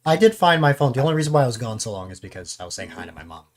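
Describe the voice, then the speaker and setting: A man's voice: medium pitch, very animated, very fast. A young male streamer chatting casually in voice chat, hesitant and full of ums. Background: music.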